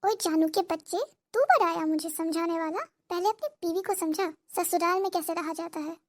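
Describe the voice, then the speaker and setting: A woman's voice: very high-pitched, brisk. A woman voicing a scolding, sarcastic mother-in-law in a cartoon comedy. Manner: nagging, sarcastic, theatrical complaining. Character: scolding middle-aged Indian mother-in-law.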